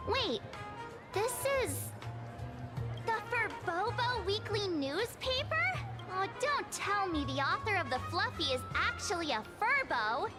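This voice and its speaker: A woman streamer with a very high, lively voice reads game dialogue aloud while playing. Her delivery is playful and bubbly, and loud game music plays behind her. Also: a little slow, long reverb tail.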